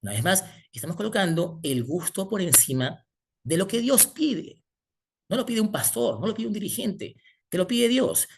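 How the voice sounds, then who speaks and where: Husky guy preaching, keeps throwing questions at the congregation. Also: high-pitched, sing-song, normal speed. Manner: asks the congregation rhetorical questions. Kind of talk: sermon.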